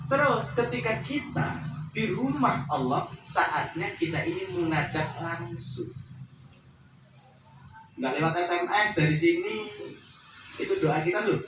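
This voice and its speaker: A man teaching pilgrims at a farewell gathering, talking to his listeners directly and dropping into a hushed voice when he shows how to pray. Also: high-pitched, dull audio. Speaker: religious teacher guiding pilgrims. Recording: very echoey, from far off, faint ambience.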